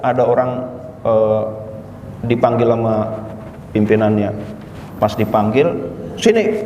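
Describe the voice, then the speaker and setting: A man's voice: on the high side, echoey room, big-room sound, far from the mic, slight background noise. A man giving an informal religious lecture, telling stories and acting out quotes. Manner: lively storytelling with acted-out quotes. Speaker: religious teacher.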